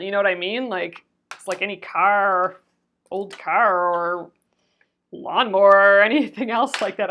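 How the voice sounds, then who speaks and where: A woman's voice: medium pitch, fairly bright tone. A woman hosting a live sewing stream, chatting casually as she stitches, her voice strained and fading from a sore throat. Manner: chatty, rambling, often restarts and laughs. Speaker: crafting livestream host.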